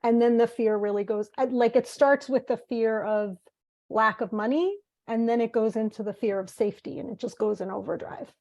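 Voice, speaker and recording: Here the workshop leader sounds a little mellow, fairly high in pitch, moving at a moderate pace through a muffled recording. Bilingual from birth, the daughter of Italian parents born in the US who has lived half her life in Italy, she lectures informally and facilitates the group in a chatty way.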